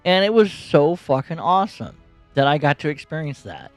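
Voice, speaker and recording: Animated man laughing through a story. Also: on the high side, moderate pace, dry recording, soft background music. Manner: laughs often, animated retelling with swearing. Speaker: podcast host. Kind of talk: casual personal storytelling. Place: bedroom.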